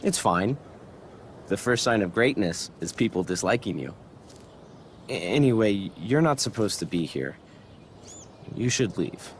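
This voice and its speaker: A man's voice: on the low side, lively intonation, unhurried, pauses often, a little hiss or hum. A man playing a pompous, earnest, stuck-up teenage student in a video game, speaking with haughty, precise diction. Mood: dismissive.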